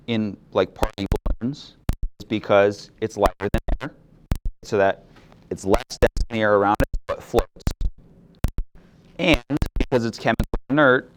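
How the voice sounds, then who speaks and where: A young man teaching a chemistry class, explaining things in a relaxed way and asking students questions. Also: lowish voice, background noise. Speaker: chemistry instructor. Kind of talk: classroom lecture.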